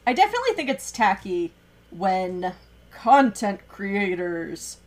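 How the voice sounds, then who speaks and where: A woman's voice: medium pitch, very animated. Woman host posing discussion questions. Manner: measured, poses questions to the others. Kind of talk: casual discussion.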